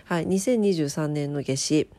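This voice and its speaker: Nasal, stuffed-up woman radio host, lowish voice. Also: moderate pace, dark tone, no room sound. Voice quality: nasal, congested from a blocked nose. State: stuffed-up nose. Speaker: solo radio show host, DJ. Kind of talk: casual chatty radio monologue with polite greetings.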